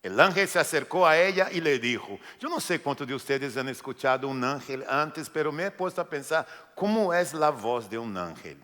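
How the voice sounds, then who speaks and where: A man preaching a sermon as pastor, lively and joking, acting out voices as he reads the story. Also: on the high side, normal speed, hardly any pauses. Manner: lively, jokes, acts out voices. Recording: reverberant church hall.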